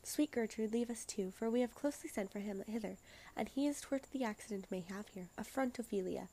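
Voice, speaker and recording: A woman reading a stately king's verse lines from a play script, slow and measured. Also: medium pitch, dark tone, a little hiss or hum, close to an everyday voice. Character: stately male king.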